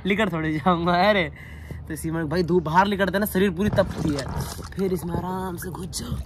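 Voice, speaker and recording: A man's voice: high-pitched, brisk. A young man with a rural north Indian Hindi accent, vlogging casually and teasing a friend on an outdoor rooftop, filmed on a handheld phone. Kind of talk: casual vlog chat. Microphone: handheld phone camera. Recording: noisy outdoor phone audio.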